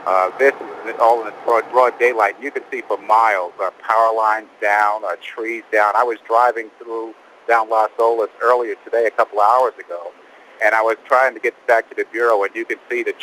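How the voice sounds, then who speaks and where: Guy with a lowish voice doing a live storm report, kinda halting, some noise and hum behind him. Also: a bit bright, poor audio. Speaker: TV news photographer reporting by phone.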